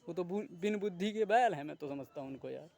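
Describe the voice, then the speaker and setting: A man's voice: high voice, animated, fast, vocal fry, darkish tone. A man delivering a heated, indignant monologue to viewers, swearing crudely and firing off rhetorical questions. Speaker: video creator. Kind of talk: ranting monologue to camera.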